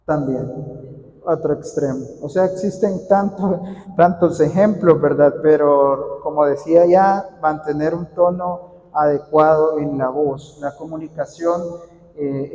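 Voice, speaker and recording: A man with a fairly high but warm, mellow voice leads a casual workshop for church readers. He repeats his key points and turns to questions from the room as he goes. The sound rings out with the long reverb of a large hall. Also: slight background noise. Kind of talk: informal instructional talk to a group.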